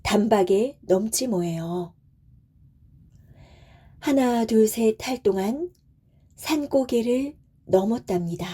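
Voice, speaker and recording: Soft, slow bedtime storyteller woman. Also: on the high side, expressive, breathy edge. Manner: soft, soothing, gentle.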